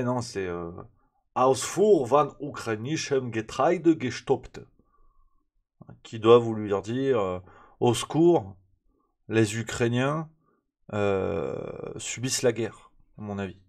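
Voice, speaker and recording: A man hosts a casual livestream press review, talking straight to his chat in a rambling, sarcastic way full of hesitations. His voice is on the low side, slow and slightly mellow, with vocal fry.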